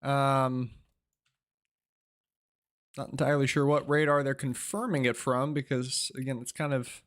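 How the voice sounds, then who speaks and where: A man hosting a live weather stream, giving informal, urgent and excitable storm commentary while thinking aloud. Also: medium pitch, measured pace.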